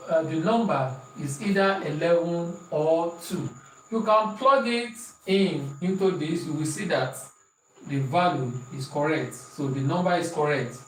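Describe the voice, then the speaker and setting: An online maths lesson is led by a man with a Nigerian accent and a slightly high voice, who works through examples, repeats each question, and reads student answers aloud. The mic is distant and off his voice, the room echoes, and there's faint hiss.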